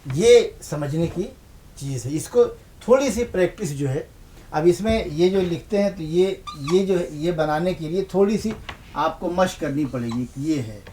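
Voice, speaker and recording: Male teacher, slightly high voice, patient lesson delivery, repeats himself for emphasis. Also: lively intonation, dark tone, slight background noise. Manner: patient, asks questions then answers them himself; repeats key points for emphasis. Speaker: Urdu script teacher. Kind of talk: televised language lesson.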